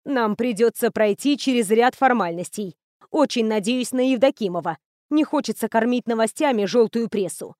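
A woman voicing a stern older female professor and matriarch who speaks in a brisk, authoritative way. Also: on the high side, expressive, a little mellow, no room sound, studio quality, close to an everyday voice.

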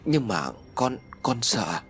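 A man's voice: mid-range voice, very animated, slow pace, fairly bright tone, faint music behind. A man voicing a nervous young husband who hesitates and stammers in an audiobook.

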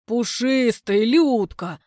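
A woman's voice: fairly high pitch, slow pace, a little mellow, no room sound, studio quality. A woman voicing a clumsy, besotted village man who pleads and fawns, stumbling for words. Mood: pleading.

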